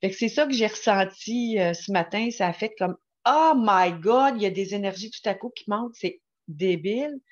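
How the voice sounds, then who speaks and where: A woman with a Quebec French accent talking casually to her viewers about spirituality, excited and rambling with many restarts. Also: medium pitch, a little fast, few pauses, highs cut off. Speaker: spiritual vlogger.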